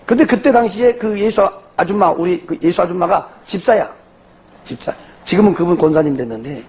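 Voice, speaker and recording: An older man with a Jeolla accent, a church elder telling his testimony in an animated way and tossing in rhetorical questions. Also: high voice, a little fast, husky. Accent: Jeolla Korean. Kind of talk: spoken testimony before a congregation.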